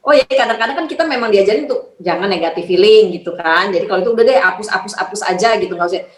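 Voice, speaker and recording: A woman's voice: medium pitch, racing, roomy sound, low-quality recording. A woman hosting a casual live-stream interview, chatty and agreeable with plenty of fillers. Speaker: host of an online talk.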